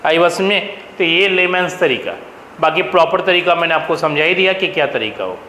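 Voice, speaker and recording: A high-pitched man with an Indian accent lectures a math class, quizzing the students and then supplying the answers himself. His voice rings through a roomy classroom with a long tail of reverb and a faint hum of ambience behind it. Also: brisk, pushed and bright. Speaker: math teacher.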